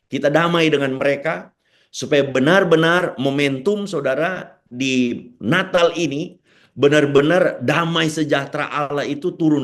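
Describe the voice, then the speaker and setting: Animated older male pastor preaching. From Indonesia. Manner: animated storytelling with wide pitch swings. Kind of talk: sermon.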